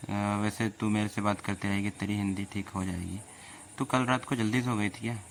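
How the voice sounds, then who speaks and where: Teasing host, a man, low and very monotone, faint background hum. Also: normal speed. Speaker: host chatting with an AI girlfriend. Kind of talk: casual teasing chat.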